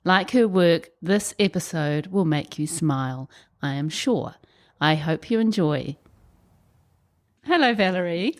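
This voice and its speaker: Low-voiced woman hosting a podcast. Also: lively intonation, unhurried. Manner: warm, encouraging, affirming. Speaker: podcast host. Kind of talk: scripted intro then conversational interview. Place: guest's apartment indoors.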